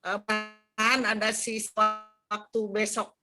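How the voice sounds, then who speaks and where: A woman's voice: mid-range voice, flat delivery, slow, over music. A woman in an online meeting whose audio keeps breaking up over a bad connection, talking hesitantly with many fillers. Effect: choppy audio breaking up over a bad connection. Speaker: meeting participant. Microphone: video call. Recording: noisy video call line that keeps cutting out.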